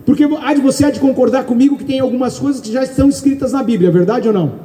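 Brief: loud Brazilian male preacher, very high yet mellow voice, long church-hall reverb. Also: very fast. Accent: Brazilian Portuguese. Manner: loud, calls out questions to the congregation. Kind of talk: sermon.

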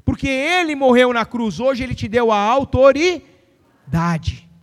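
A man's voice: extremely high pitch, expressive, slow pace, in a large hall. A middle-aged man preaching a fiery sermon as pastor, with emphatic declarations and acted-out quotes.

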